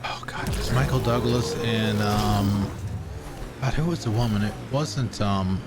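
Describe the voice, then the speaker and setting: A man's voice: on the low side, unhurried, very noisy. A man streaming a video game, chatting casually in a rambling, hesitant way with many fillers. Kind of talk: casual gameplay chat.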